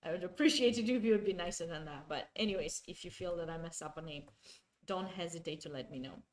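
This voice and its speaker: A fast-talking woman with a lowish voice, originally from Romania and a native Romanian speaker, commentates a chess game live. Chatty with her viewers, she keeps correcting herself and restarting sentences.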